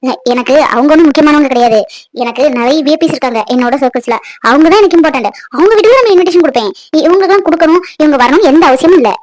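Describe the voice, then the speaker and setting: A woman's voice: sits high, lively intonation, a little mellow. A woman playing a proud, status-minded mother-in-law who talks down to her guests and scolds the household. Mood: scornful. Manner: dismissive, scolding, fast-talking. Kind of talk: family drama skit.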